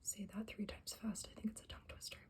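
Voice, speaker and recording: A woman whispering softly in an ASMR style, reading aloud and rambling with self-correcting asides. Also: fast talker. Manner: whispering and very soft-spoken. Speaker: ASMR creator. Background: faint music playing for plants, background hiss.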